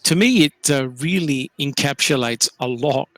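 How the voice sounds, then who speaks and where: An Australian podcast host leads a casual group discussion, steering it with questions and using lots of fillers. His mid-range voice is expressive and moderately paced, with no room sound.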